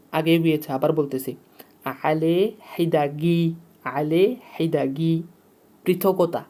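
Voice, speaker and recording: A teacher explaining vocabulary in a lesson, repeating each word and its meaning over and over. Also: male voice, fairly high pitch, a little mellow. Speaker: Urdu teacher.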